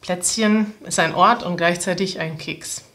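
A woman's voice: on the low side, unhurried, fairly bright tone. A woman, explaining jokes step by step to language learners. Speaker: language teacher and presenter. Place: small room indoors, seated at a table.

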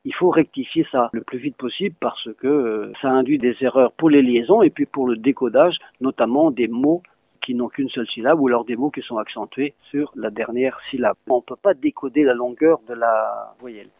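Gravelly man explaining over a thin, phone-like line. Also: mid-range voice, moderate pace, no room sound. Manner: patient, spells out words letter by letter. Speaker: Breton language teacher. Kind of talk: explanatory interview answers. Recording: dry, phone-like lo-fi sound.

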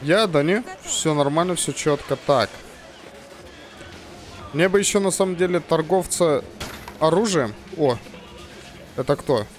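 A man's voice: fairly high pitch, a little slow, long pauses. A man casually commenting on his game playthrough, muttering to himself and swearing as he plays. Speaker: let's play commentator. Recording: game music over the voice.

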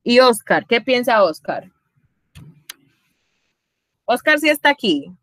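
A woman's voice: fairly high pitch, very animated, slow pace, no echo. A woman English teacher, giving an online class and patiently checking in with her students. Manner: patient, checks in often with questions.

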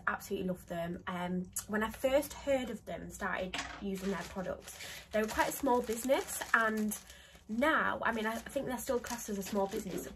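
Rambling and saying "um" a lot, a congested woman in her twenties talks casually to a nearby phone camera from her small home office as a beauty vlogger. Her voice is medium-pitched, and the rough recording has a little hiss or hum.

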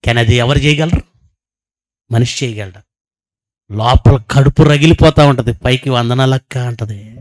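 A man preaching a sermon as pastor, swinging between loud exclamations and low murmurs, asking rhetorical questions and imitating animal sounds. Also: moderate pace, long pauses, no room sound.

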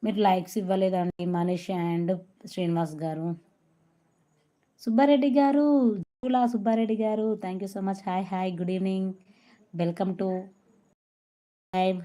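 A mid-range, dark-toned woman from Telangana talks at normal speed with long pauses while hosting a relaxed live stream. In a Telangana Telugu accent, she greets viewers by name and mixes English phrases into her chatter.

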